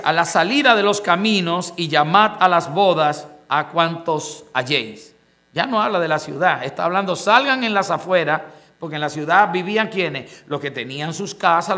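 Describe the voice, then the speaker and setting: With a high voice and a sharp tone, a pastor preaches to his congregation, often asking them rhetorical questions. His method is expository: scripture read aloud first, then explained word by word.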